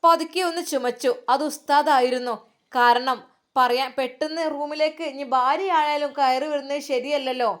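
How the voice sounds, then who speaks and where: A woman storyteller with a Malabar Malayalam accent, narrating a devotional family story gently and expressively. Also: sits high, steady tone, normal speed.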